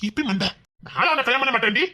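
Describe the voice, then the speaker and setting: A man with a Tirunelveli Tamil accent playing a gruff, stubborn young man who keeps pushing his lover away. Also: very high-pitched, lively intonation, rapid-fire, bright, forceful tone, exaggerated voice. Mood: bickering. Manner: curt, scolding, begging. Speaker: male lead in a comedy skit.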